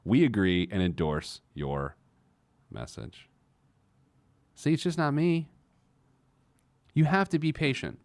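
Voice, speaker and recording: A man hosts a personal finance show as a casual talk show monologue with some letter reading, playfully digressive, self-mocking, and repeating phrases for emphasis. His medium-pitched voice swings widely in pitch, and he takes it slowly with frequent pauses; there's no room sound.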